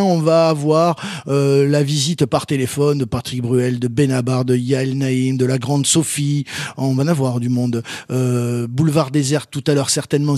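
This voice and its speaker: A man's voice: fairly high pitch, darkish tone, no echo, clean studio sound. A man with a Toulouse accent hosting a live radio show, chatting casually with lots of fillers and restarts. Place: radio studio.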